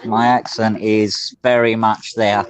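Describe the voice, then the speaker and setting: A man's voice: lowish voice, level tone, takes it slowly. A man with a London accent, chatting casually over a phone and rambling with lots of fillers. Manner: rambling, many fillers like "it's like". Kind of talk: casual chat.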